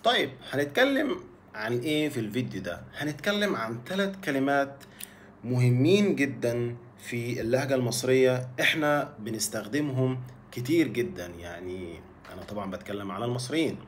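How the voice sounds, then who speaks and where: A man's voice: medium pitch, fairly quick, a little hiss or hum. Egyptian-accented man teaching casually. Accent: Egyptian Arabic. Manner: lively, repetitive, teacherly, stretches words for emphasis. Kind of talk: casual spoken lesson to camera.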